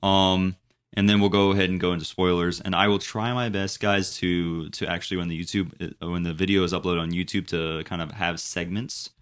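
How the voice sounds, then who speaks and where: A young man in his twenties chats loosely as a podcast co-host, his voice sitting deep and low. He rambles along, circling back through fillers and restarts as he works out his thoughts. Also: level tone, a little fast, a bit bright, clean tone. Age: 20s. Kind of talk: casual chat.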